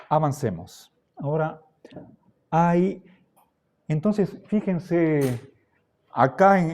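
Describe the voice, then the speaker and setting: Slow, deliberate male teacher. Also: fairly high pitch, darkish tone. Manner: slow, deliberate, checks understanding with frequent "¿sí?". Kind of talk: classroom lecture.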